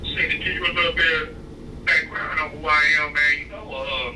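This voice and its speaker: A man from Ohio calls in from prison for a casual interview, his voice on the high side, bright and forceful, with fairly even intonation and a slightly fast pace. He talks in a slangy, laid-back way full of fillers, heard over a distant, echoey prison phone line with clear noise.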